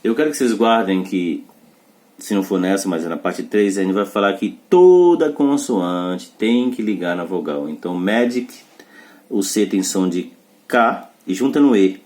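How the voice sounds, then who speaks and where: Teacher, low-pitched male voice. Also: animated, normal speed, a little mellow. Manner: explains rules step by step, checks understanding with short tags. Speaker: English teacher. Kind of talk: pronunciation lesson.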